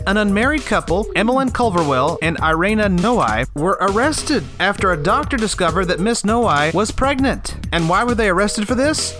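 A man hosting a comedy news segment with conversational commentary. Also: high voice. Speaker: comedy news show host.

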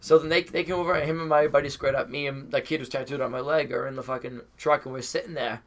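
Bright-voiced comic telling a rambling story. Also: male voice, mid-range voice, steady tone, fast. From Massachusetts. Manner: rambling, swears constantly, full of "like". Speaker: stand-up comic, podcast guest. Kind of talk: casual chat, storytelling.

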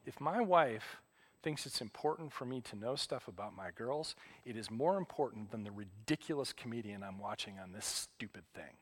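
A middle-aged man preaching as a pastor, telling stories in a relaxed, self-deprecating way. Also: lowish voice, moderate pace. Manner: conversational, self-deprecating storytelling. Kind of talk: sermon.

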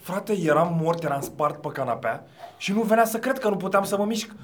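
A man's voice: sits high, voice pushed up. A man playing a frantic stoned student. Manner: excited, rambling, loud. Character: panicky stoned young male student. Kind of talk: improvised comedy sketch.

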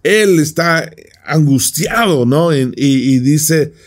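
A man's voice: a little high, expressive. A man preaching a Bible study sermon, reading scripture and explaining it, often checking in with short rhetorical questions. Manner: slow, deliberate, with frequent rhetorical tag questions.

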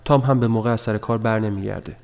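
A man's voice: on the low side, fairly even intonation, vocal fry, darkish tone. A man voicing a tired, nervous young housewife with a thin, dull voice who leaves sentences unfinished. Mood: weary.

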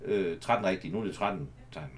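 A man in casual chat, dry and informative, explaining details. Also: deep voice. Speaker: podcast co-host, former postal worker.

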